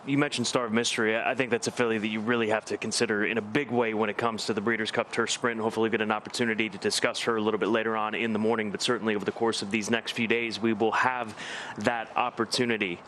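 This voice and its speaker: A man's voice: fairly low pitch, little pitch movement, fast, hardly any pauses, a bit bright, a little hiss or hum. A man hosting a live racing broadcast, telling stories about himself with a self-deprecating humor. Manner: joking, self-deprecating storyteller. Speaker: host.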